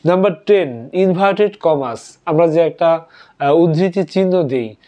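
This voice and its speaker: A man teaching an English vocabulary lesson, spelling words out letter by letter and repeating them slowly. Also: fairly high pitch, mellow. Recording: dull lo-fi audio.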